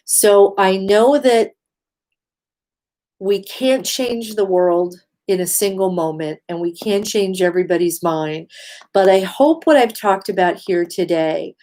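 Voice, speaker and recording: A woman gives instructional advice through a face mask, so her voice is slightly muffled. She speaks slowly at a medium pitch, earnest and measured, leaning on key words for emphasis. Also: a little mellow. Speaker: host giving mental health advice. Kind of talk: instructional talk to camera.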